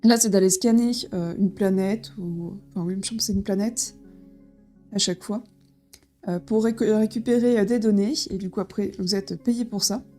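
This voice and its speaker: A woman's voice: medium pitch, steady tone, normal speed, warm tone, soft background music. A woman casually presenting a board game as she unboxes it, with frequent fillers and restarts. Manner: hesitant, many fillers and restarts.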